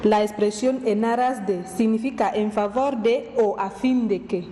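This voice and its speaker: A woman's voice: on the high side, measured pace, dark tone. A woman, a TV co-host who reads viewers' questions and asks follow-ups, with some hesitation. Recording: echoey studio with faint hiss.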